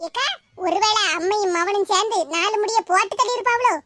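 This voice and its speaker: A woman with a Tirunelveli Tamil accent voicing a dramatic, aggrieved village housewife in a cartoon, with sped-up, high voice. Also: brisk. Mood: gossiping. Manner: wailing, self-pitying complaints mixed with gossip. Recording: noisy with clicks.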